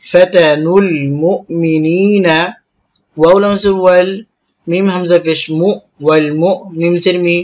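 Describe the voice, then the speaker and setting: A man's voice: high voice, steady tone, a little mellow. Bangladeshi man spelling tajweed syllables. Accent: Bangladeshi Bengali. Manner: spells each syllable slowly, then chants the verse in a drawn-out melody. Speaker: Quran recitation teacher. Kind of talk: letter-by-letter tajweed instruction.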